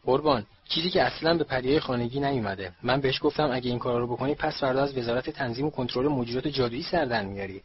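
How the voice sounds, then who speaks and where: A man voicing a timid, fretful female house-elf servant with a high squeaky voice and anxious, deferential manner, in a lo-fi audiobook recording. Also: few pauses, close to an everyday voice. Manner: anxious, deferential, keeps saying sir.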